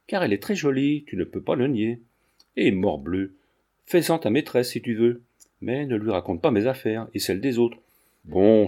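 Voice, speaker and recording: A chatty young man-about-town talks in a glib, teasing flow, voiced by a male narrator. His voice is mellow and easy. He tends to run on and never quite takes things seriously. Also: medium pitch.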